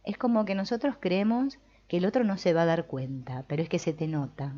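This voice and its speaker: A middle-aged woman with a Rioplatense Spanish accent giving an informal spiritual talk, animated and colloquial, acting out quoted voices for humor. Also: on the low side, fairly quick. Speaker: spiritual teacher. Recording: dull lo-fi recording.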